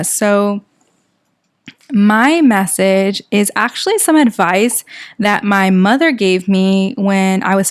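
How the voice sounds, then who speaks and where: Chatty expressive young woman podcaster. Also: mid-range voice. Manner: expressive, reaction-based, lots of "like" fillers. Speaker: podcast co-host. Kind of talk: casual chat.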